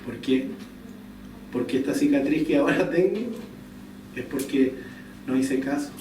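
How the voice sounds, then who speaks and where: A man's voice: mid-range voice, a little slow, warm tone. A man preaching a sermon to a congregation, telling a personal story and putting questions to his listeners. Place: church hall. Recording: echoey church room, distant mic, faint noise.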